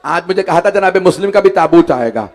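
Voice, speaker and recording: Casting note: male cleric, very high voice, dramatic mourning recitation that climbs to anguished shouts. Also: lively intonation, brisk. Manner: dramatic, rising to wailing shouts at climaxes; pleading with the audience. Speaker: Shia cleric reciting majlis. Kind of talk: Muharram majlis sermon, tragic narration.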